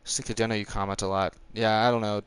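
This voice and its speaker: Fairly low in pitch, level in tone and smooth, this nineteen-year-old gaming streamer's voice comes through with no echo. He chats casually on a live stream while playing a racing game, rambling and reacting, easily frustrated and chuckling.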